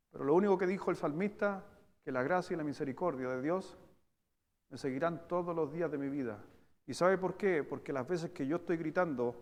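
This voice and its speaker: A high-pitched man with a Chilean Spanish accent preaches in a church hall. His voice rings with a long reverb. He shifts from loud, emphatic bursts to slow, hushed stresses. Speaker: pastor. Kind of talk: sermon.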